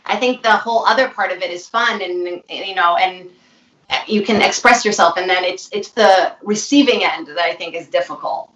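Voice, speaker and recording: A woman's voice: on the low side, normal speed, a bit bright. Female guest, reflective, off-mic with echo. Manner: thoughtful, searching for words. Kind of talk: casual chat. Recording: roomy, distant, dull audio.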